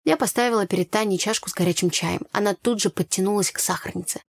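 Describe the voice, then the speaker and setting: Woman narrator, mid pitch, dry close recording, first-person audiobook read. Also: fast talker, vocal fry, no echo.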